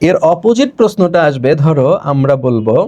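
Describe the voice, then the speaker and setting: A young man from Bangladesh teaching an exam-prep lecture, explaining step by step and checking in with students, slowing and stretching words as he writes on the board. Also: on the high side, big pitch swings, mellow.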